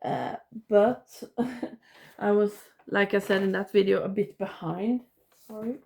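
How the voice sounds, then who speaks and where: A woman with a blocked nose giving a casual video review, rambling and haltingly, often interrupting herself. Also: medium pitch, steady tone, gravelly, darkish tone, highs cut off. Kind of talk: casual ranking review to camera.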